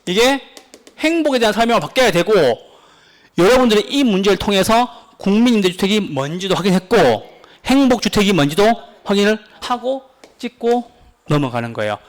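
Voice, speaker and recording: A man lectures for a real estate licensing exam course, his voice riding high and leaping up and down in pitch. He is insistent and animated, checking in with the students again and again. His delivery is pleading and urgent. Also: brisk. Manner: lively, keeps asking the class questions.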